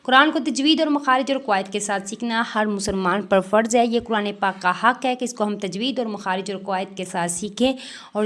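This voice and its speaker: A woman teaching tajweed step by step, reciting words slowly and drawn out, then explaining the rules and answering her own questions. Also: medium pitch, fairly bright tone. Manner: slow drawn-out recitation of verses between explanations; frequent "theek hai" check-ins.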